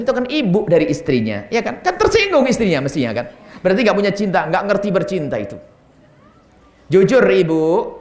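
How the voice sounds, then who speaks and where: Guy preacher answering questions, kinda high voice, jokes with the crowd, echoey hall. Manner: lively, acts out husband and wife dialogues; teasing, joking with the audience.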